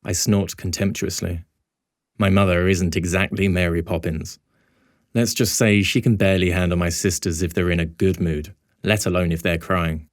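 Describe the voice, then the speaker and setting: A man's voice: sits low, fairly even intonation, normal speed, dry recording. A man narrating an audiobook in the first person, with a wry, inward storytelling manner, on a close studio mic.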